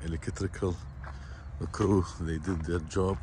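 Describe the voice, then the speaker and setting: A man walking a construction site and explaining the work in plain, halting, repetitive phrases, recorded on a handheld phone outdoors. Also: sits low, fairly even intonation, mellow, a little hiss or hum. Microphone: phone camera held by the speaker.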